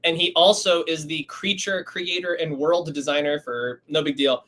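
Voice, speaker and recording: A man guests on a casual interview, talking up his films. His voice is bright and forward, a little high, and he tells stories with real enthusiasm. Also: normal speed, poor audio. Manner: animated storyteller, enthusiastic. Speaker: actor, writer and director guest.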